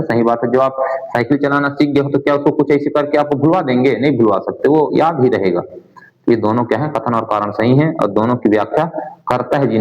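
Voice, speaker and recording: A male coaching teacher working through exam answers in Hindi, mixing in English terms and asking his class questions that he answers himself. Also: mid-range voice. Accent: Hindi, sprinkled with English exam terms. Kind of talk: answer-key lesson walkthrough. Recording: dull, roomy lo-fi sound.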